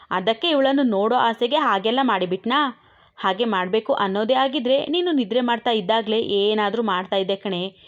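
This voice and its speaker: Woman doing a brash young man, teasing, bantering, raised pitch, dull lo-fi sound. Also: natural voice. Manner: mocking, bantering, cocky. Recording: dull lo-fi recording.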